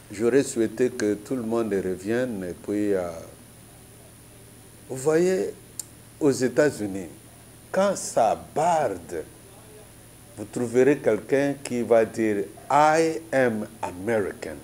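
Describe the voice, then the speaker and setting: A man's voice: mid-range voice, lively intonation, slow pace, pauses often, a little mellow, a little hiss or hum. A man from Congo giving an earnest, preacher-like political commentary in an interview, making his points with parables and biblical examples.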